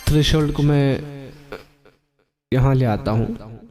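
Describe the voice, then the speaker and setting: A man walks through an audio app's settings one step at a time, explaining each control plainly. He keeps checking in with the listener as he goes. His voice is mellow and warm, recorded on a phone mic. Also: medium pitch, slow, soft background music. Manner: explanatory, repeats "theek hai" to check in. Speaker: audio tutorial host. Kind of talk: step-by-step software tutorial. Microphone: phone microphone.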